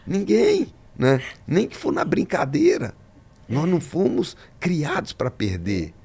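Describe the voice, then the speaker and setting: A man's voice: fairly high pitch, huge pitch swings, unhurried, vocal fry, darkish tone, slightly rough. A man, a pastor, talking in a podcast interview, preaching-style and emphatic, acting out the voices in his stories.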